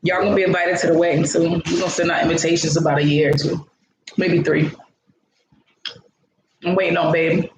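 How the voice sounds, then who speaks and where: A woman's voice: on the low side, fairly quick, pauses often. A woman hosting a casual eating livestream at home on her phone, talking between bites and humming over her food. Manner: relaxed, savoring food with frequent hums. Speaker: livestream host. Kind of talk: casual mukbang livestream chat. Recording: echoey, dull, noisy phone livestream.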